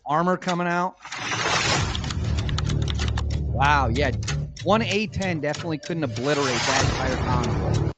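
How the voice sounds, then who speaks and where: A man's voice: fairly high pitch, unhurried, pauses often, loud music behind the voice. A man hosting a commentary show, reacting to video clips with heavy sarcasm and mocking exclamations. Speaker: political commentary host.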